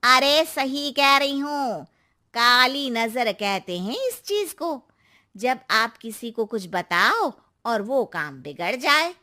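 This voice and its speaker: A woman's voice: fairly high pitch, expressive, takes it slowly, pushed and bright, exaggerated voice. A woman voicing a gossipy older neighbour aunty in a cartoon story, who talks in cautionary, superstitious warnings.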